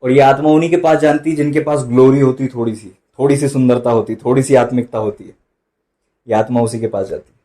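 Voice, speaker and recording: A man preaching a sermon, switching between loud emphatic bursts and quiet dropped asides, slowing right down for quoted lines. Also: medium pitch, fairly even intonation. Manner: mixes in English phrases and slow drawn-out quotes. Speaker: pastor.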